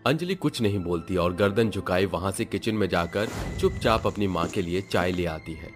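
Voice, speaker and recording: Low-voiced male storyteller. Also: normal speed, soft background music. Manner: steady, expressive storytelling. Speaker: narrator. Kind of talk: scripted storybook narration.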